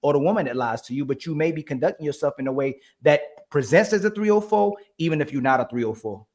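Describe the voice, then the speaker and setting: A man's voice: on the high side, lively intonation, fast talker, a little mellow. A man hosting a heated panel debate, explaining his points insistently and repeating himself.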